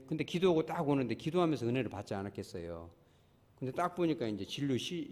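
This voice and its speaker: A male pastor preaches to his congregation and tells a story, acting out the voices of the people in it. His pitch rises and falls widely, and he keeps turning to the listeners with questions. The long echo of a church hall trails after each phrase. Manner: storytelling with lively quoted dialogue, asks the congregation questions. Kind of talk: sermon. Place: church sanctuary.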